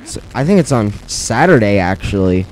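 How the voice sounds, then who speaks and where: A man's voice: lowish voice, big pitch swings, moderate pace, soft background music, rough recording. A teenage boy rambling through casual gameplay commentary, self-deprecating, with many fillers and restarts, speaking close to a weak microphone. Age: teens. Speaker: let's play commentator. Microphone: weak mic at close range.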